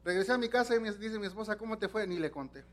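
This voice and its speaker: High-voiced animated preacher. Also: male voice, racing, very noisy. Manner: animated storytelling, acts out voices, repeats words. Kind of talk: sermon.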